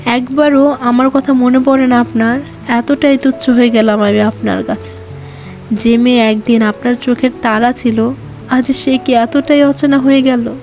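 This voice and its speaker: A woman's voice: on the high side, steady tone, unhurried, a little mellow, soft background music. A woman voicing a heartbroken young woman who pleads in a trembling, tearful voice in an audio story.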